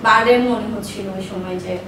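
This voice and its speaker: In an echoey room with a distant mic and faint background noise, a woman in her thirties speaks in a mid-range, slightly bright voice at a quick pace and steady tone. She's a business owner being interviewed, recounting personal life stories with emphasis and repetition to drive points home.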